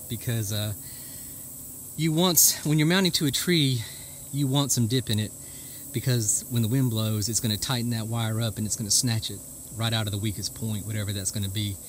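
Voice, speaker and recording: Insects chirp in the outdoor ambience as a homesteader demonstrates a how-to task in a rural yard, captured on a handheld camera or phone mic. He speaks briskly, with a medium-pitched voice and fairly even intonation, in a casual, folksy, plainspoken style.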